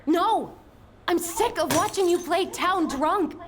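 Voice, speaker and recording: A woman's voice: very high-pitched, animated, slow pace, heavily acted. An actress playing a blunt, frustrated young American woman in a dramatic video game. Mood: angry, exasperated. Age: young adult. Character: blunt, frustrated young woman confronting an older family friend.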